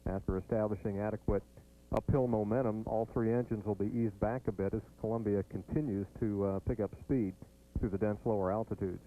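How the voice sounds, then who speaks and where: An American man delivering formal, measured mission control commentary from a script. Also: fairly low pitch, fairly even intonation, soft background music. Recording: thin phone-like broadcast line.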